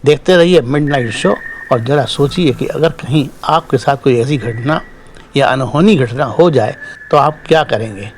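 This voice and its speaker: A man telling a first-person horror story in steady, dramatic scripted narration, closing as the show's host. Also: medium pitch, moderate pace, a little hiss or hum.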